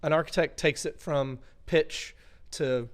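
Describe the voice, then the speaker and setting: A man's voice: a little high, steady tone, a little slow. Thoughtful man explaining at length. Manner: thoughtful, explaining with many fillers. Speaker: podcast guest. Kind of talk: casual interview chat.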